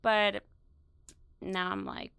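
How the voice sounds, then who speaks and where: Young woman, from Peru, casual interview, dry close sound, animated pitch. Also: extremely slow, vocal fry, clear, resonant tone, no room sound. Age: young adult. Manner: chatty, many fillers, laughs often. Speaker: student interviewee.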